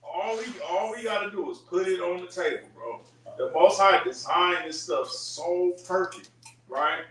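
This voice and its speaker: High-voiced man leading a Bible study. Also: animated, unhurried, fairly bright tone. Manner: emphatic, conversational, keeps checking in with listeners. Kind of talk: group Bible study discussion. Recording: echoey room, voice from far off.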